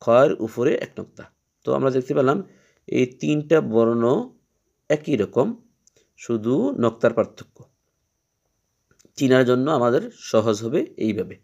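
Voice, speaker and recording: A man teaching Quran reading, explaining each letter patiently and repeating its sound slowly three times. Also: mid-range voice, darkish tone, dull audio. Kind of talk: step-by-step letter lesson.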